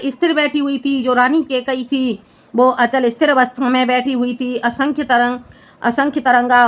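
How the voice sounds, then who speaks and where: A woman Hindi teacher who explains a poem line by line and often checks whether her students have understood. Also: fairly high pitch. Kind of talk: classroom-style poem explanation.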